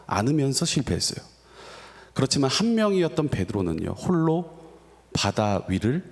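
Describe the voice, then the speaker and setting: Animated Korean pastor preaching in a hall. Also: male voice. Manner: animated preaching with dramatic pitch swings. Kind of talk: sermon. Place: church sanctuary. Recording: reverberant church hall.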